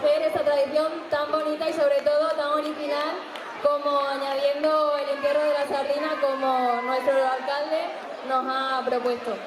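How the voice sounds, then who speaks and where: A woman's voice: sits high, flat delivery, moderate pace, crowd noise. An eighteen-year-old woman with an accent from Spain, making a herald's proclamation at a public carnival. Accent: Spanish from Spain. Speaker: festival herald, one of the town's youths coming of age. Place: public carnival event with crowd and PA. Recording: echoey, very noisy crowded public event.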